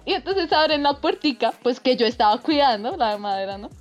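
A woman with a high voice tells a story on a casual podcast. She is animated and laughs often. Soft music plays faintly behind her. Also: fairly quick. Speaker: podcast co-host.

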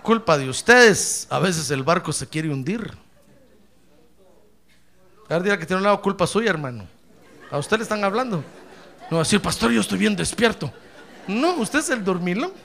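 High bright preacher guy, gravelly edges, swings quiet to shouting at the church. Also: lively intonation, moderate pace, long pauses. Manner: acts out quoted voices and addresses congregation directly. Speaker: pastor. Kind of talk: sermon.

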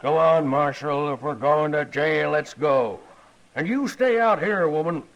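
An actor playing a mean, threatening older rancher in a 1950s radio drama, gruff and contemptuous. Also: male voice, fairly high pitch, measured pace, fairly bright tone, dull audio. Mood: menacing.

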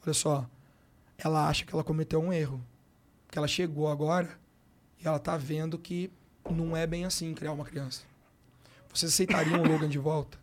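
A man's voice: a little high, fairly even intonation, brisk, long pauses. Slangy Brazilian man telling a story. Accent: Brazilian Portuguese. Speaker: sports coach, podcast guest. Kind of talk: casual storytelling interview.

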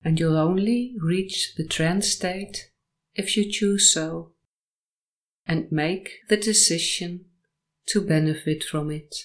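Guiding listeners through sleep hypnosis and meditation, a woman with a voice on the low side uses short, calm, measured phrases separated by long silences.

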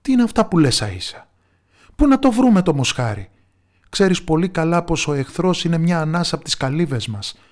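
A man's voice: mid-range voice, lightly acted. A man voicing a kind, just village lord in a folktale, troubled and raising his voice in alarm. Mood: agitated. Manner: troubled, pleading, raises his voice.

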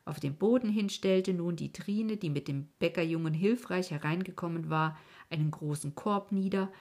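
A woman narrating a storybook in a soft, hushed reading manner. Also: on the low side, normal speed.

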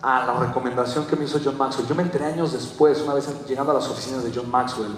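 Animated Mexican man, echoey hall. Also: medium pitch, quick pace, far from the mic. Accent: Mexican Spanish. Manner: animated storyteller acting out quotes. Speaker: motivational speaker. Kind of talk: storytelling talk.

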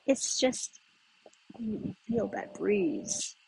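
Raised in the United States, this podcast host speaks in a medium-pitched, expressive, slightly mellow voice with vocal fry, at times whispered, on a rough recording. Outdoors in a breezy place where people pass, the host rambles solo, chatty and meandering, pausing while thinking aloud.

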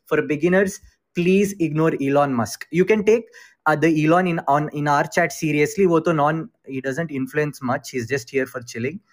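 An Indian-accented man with a voice on the high side hosts an online crypto-investing group call at a moderate pace. He sounds casual and informal, blending Hindi phrases into his English.

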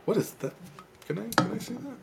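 A man's voice: sits high, expressive, brisk, gravelly, background noise. A man co-hosting a casual live stream, chatting and joking in a rambling way with frequent restarts. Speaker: co-host.

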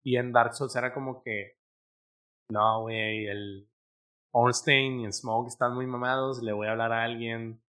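A man's voice: mid-range voice, steady tone, unhurried, pushed and bright. A young man in casual gaming chat, laid-back and slangy with hesitant fillers.

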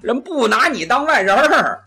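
A man acting as the supporting partner in comic crosstalk, throwing in quick, teasing reactions. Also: extremely high pitch, big pitch swings, bright, forceful tone, breathy edge, faint music behind.

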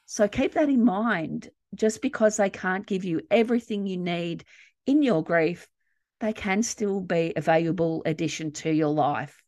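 A woman's voice: lowish voice, measured pace, darkish tone, dry recording. A woman co-hosting a podcast, talking earnestly and reflectively about friendship and loss. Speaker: podcast co-host. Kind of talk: casual grief podcast chat.

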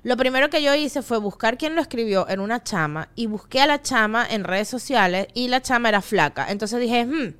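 A woman's voice: fairly high pitch, moderate pace, hardly any pauses, fairly bright tone, clear, resonant tone. A young woman with a Venezuelan accent hosting a podcast as a casual monologue, chatty and joking, full of slang asides. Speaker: podcast host.

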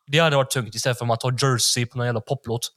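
A man's voice: mid-range voice, fairly even intonation, a bit bright. A young man from Gothenburg with a Gothenburg accent, co-hosting a podcast and chatting eagerly about hip hop, full of slang and swearing. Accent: Gothenburg Swedish. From Backa, Gothenburg, Sweden. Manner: slangy, swears freely, enthusiastic. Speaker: podcast co-host.

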